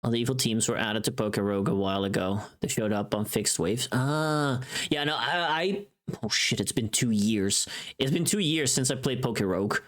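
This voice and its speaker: Working away on stream, a voice actor who livestreams rambles casually, mutters to themself, and hums along. Their voice is medium in pitch with a moderate pace.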